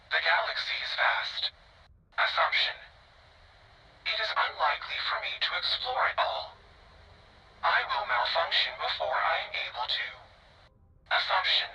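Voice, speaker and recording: An emotionless ship AI from a video game, speaking in a flat, even tone. It announces each statement with a label, as if reading out its own processing. The voice sits a little high, with clear noise underneath. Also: male voice. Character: emotionless male ship artificial intelligence. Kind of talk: video game character dialogue.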